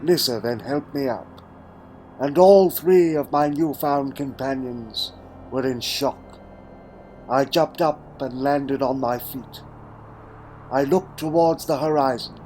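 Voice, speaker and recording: A man's voice: on the high side, darkish tone, a little hiss or hum. A man playing a weary time-travelling hero who narrates his own story in a solemn, theatrical way in an audio drama. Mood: wondering. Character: the Fourth Doctor, weary male time-travelling hero recalling his fall. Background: music.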